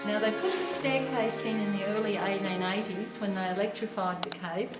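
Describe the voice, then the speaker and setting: A woman's voice: medium pitch, steady tone, moderate pace. An Australian woman guiding a cave tour, telling its history in a chatty, wry way, her voice ringing with cave echo. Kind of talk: guided tour talk. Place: inside a limestone show cave. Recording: echoey cave with loud music behind. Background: loud music.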